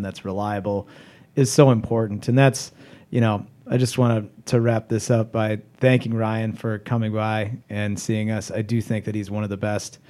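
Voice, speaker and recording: A man speaks casually as a podcast host. His voice is fairly low and mellow, and his intonation stays very level. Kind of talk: casual conversational podcast talk.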